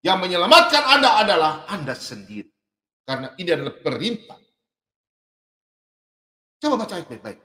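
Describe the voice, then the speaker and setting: A man preaching a sermon, who swings between shouted, drawn-out words and quiet asides. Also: high voice, big pitch swings, echoey room. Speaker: pastor. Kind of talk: energetic sermon.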